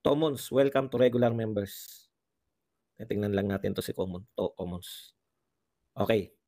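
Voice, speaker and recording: A man's voice: on the low side, normal speed, mellow, no room sound, clean studio sound. A man doing livestream political commentary, talking in an impassioned way and firing off rhetorical questions. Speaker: political vlogger.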